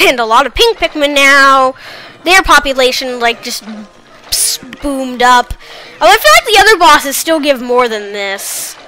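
Bright high-voiced woman gaming. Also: expressive, measured pace, soft background music, poor audio. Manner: chatty, rambling, self-deprecating. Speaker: gaming channel host. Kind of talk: casual let's-play commentary.

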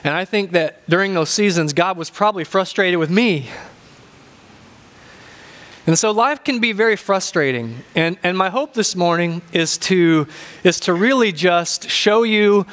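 A man in his fifties with an Ozarks accent preaching a sermon as a pastor, deliberate and repeating phrases for emphasis. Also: high voice, animated, fairly bright tone. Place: large church stage indoors.

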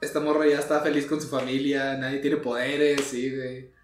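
Un hombre con acento mexicano que conversa de forma relajada y coloquial en un podcast y salpica sus frases con modismos. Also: male voice, mid-range voice, little pitch movement, moderate pace, echoey room, a little hiss or hum. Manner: slangy, laid-back, peppers talk with "güey". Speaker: podcast co-host. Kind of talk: casual chat.

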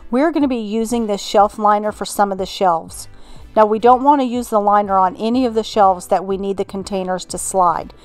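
Calm woman narrating home organizing. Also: mid-range voice, a little fast, soft background music. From Texas. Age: middle-aged. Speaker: home organizing channel host. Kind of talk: scripted voice-over narration.

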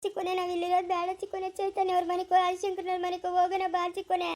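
A woman with a Chikkaballapur Kannada accent, performing in a homemade village family drama. Her voice sits very high and her lines come fast. She sounds anxious and pleading one moment and scolding the next. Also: completely flat delivery, darkish tone.

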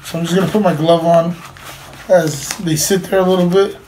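A middle-aged man's noticeably high, slightly mellow voice moves briskly with fairly even intonation as he talks through a hands-on demonstration. He is informal and plain-spoken. The poor home recording, taken by a camera across the table in a small room with a cloth backdrop, has clear background noise.

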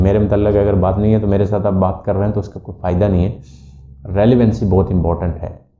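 A man speaking with an Urdu accent, an educator giving a lecture-style talk that mixes in English terms, with frequent "uh" fillers. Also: low voice. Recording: echoey room, dull lo-fi sound.

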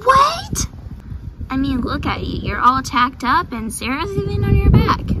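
A spoiled gray mare squeals her complaints in a high, swooping voice, as a woman puts her on. She sounds whiny and dramatic in a homemade toy-horse story. Background noise runs steadily under the voice. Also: sing-song, a little slow. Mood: upset. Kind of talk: toy horse role-play. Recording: noisy background.

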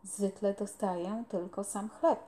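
A woman's voice: medium pitch, fairly even intonation, a little slow, dark tone, lightly acted. A woman reading aloud, voicing a cheerful country boy who gardens, with an eager, rustic manner. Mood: easygoing.

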